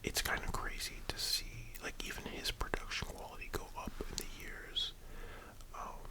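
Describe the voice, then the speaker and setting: Breathy asmr library whisper, casual rambling opinions, all hushed and unvoiced. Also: moderate pace, low-quality recording. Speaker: ASMR video host.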